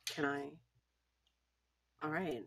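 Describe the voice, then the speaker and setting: A woman's voice: low-pitched, takes it slowly, a bit bright, husky. A woman playing in a tabletop game over a call, hesitant and thinking aloud. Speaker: player. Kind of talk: casual chat. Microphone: video call.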